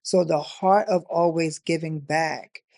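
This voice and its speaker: A woman from Newark, New Jersey tells her story with a gravelly, fry-tinged voice. She pauses and fills gaps as she thinks. The recording is dry and close. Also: deep voice, fairly even intonation, a little mellow, no echo. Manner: reflective, halting, with frequent fillers. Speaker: interview guest. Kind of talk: candid personal storytelling.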